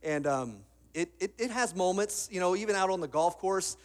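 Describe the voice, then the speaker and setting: High-voiced man preaching. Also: lively intonation, normal speed. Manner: casual storytelling with repeated restarts. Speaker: pastor. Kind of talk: sermon.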